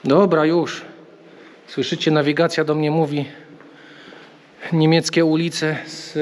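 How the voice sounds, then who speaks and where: A man's voice: on the high side, a little hiss or hum. A young man casually vlogging a pilgrimage walk, chatting and joking with viewers as he wanders outdoors and through a small church. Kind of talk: casual vlog talk to camera.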